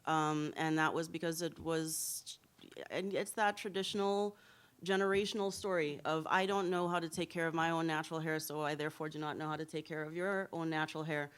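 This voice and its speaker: A woman in her thirties from Trinidad and Tobago talks as an interview guest at a symposium. Her voice sits a little low, and she tells her story in a lively, candid way. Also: fairly quick, smooth. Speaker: hair blogger, interview guest.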